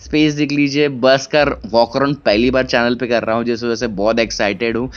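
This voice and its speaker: A man's voice: medium pitch, fairly even intonation, clear, resonant tone, dull audio. Young man vlogging through an expo bus. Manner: casual, Hindi mixed with English, many "uh" pauses. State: tired but excited. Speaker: car vlogger. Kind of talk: walkaround review vlog. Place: large indoor expo hall, walking through a bus.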